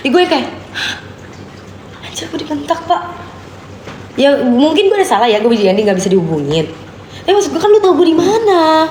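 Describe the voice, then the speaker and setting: A woman's voice: sits high, sing-song, fast talker, a little mellow. A young woman, telling a personal story on a casual live stream and acting out the dialogue. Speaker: guest storyteller. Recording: echoey room with faint background noise.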